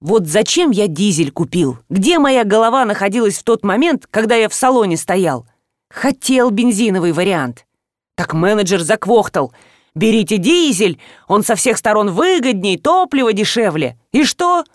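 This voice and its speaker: A grumbling, dry-humored middle-aged man, a forensic expert in an audiobook, read by a woman. His complaints rise and fall with lively swings of pitch. The sound is close and dry. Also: normal speed, dry recording, natural voice. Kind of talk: audiobook reading.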